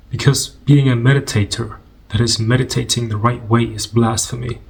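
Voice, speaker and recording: A man with a medium-pitched voice guides a meditation in a relaxed, conversational manner. He gives gentle instructions without hurrying and leaves pauses along the way.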